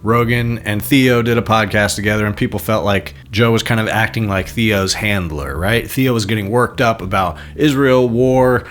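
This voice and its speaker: A male podcast host talks through a story in a relaxed, conversational way, leaning on little fillers as he goes. His voice sits somewhat low. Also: normal speed, hardly any pauses. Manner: conversational, loose with fillers like "kind of". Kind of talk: casual commentary.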